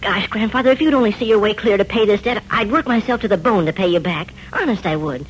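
A man plays an earnest young grandson in a 1950s radio drama. His high voice is halting and deferential, recorded with faint broadcast noise. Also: natural voice, poor audio. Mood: desperate. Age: young adult. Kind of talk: 1950s radio serial acting.

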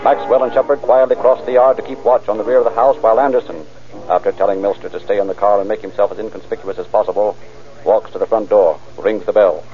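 A man narrates a vintage radio police drama at a rapid pace. His scripted delivery sits over music, and the old recording is very muffled. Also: lowish voice, fairly even intonation.

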